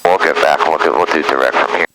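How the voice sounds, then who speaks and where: A man's voice: a bass voice, steady tone, fast talker, bright, forceful tone. A man working as a flight instructor, chatting casually and explaining things over a headset intercom in a small plane. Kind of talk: casual instructional cockpit chat. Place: small aircraft cockpit in flight. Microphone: aviation headset intercom. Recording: noisy cockpit intercom, engine drone.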